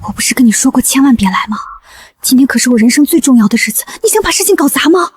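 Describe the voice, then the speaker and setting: A woman's voice: high voice, expressive, rapid-fire, no room sound. A young woman playing a cold, ungrateful bride in a short drama. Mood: impatient. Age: young adult. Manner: contemptuous, impatient.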